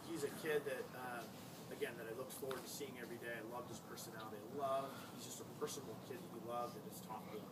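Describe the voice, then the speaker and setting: An American man, a high school basketball coach, giving an informal tribute speech in a conversational, anecdotal way with emphatic repetition. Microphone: distant microphone. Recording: noisy, distant-miked live room recording.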